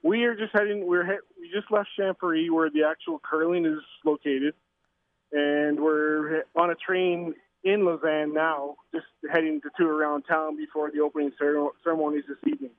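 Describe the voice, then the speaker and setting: A man's voice: on the high side, steady tone, no room sound. Middle-aged man over the phone from a train. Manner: halting, with many fillers and restarts. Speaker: interview guest, curling coach and father. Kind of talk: casual phone interview. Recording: tinny phone line.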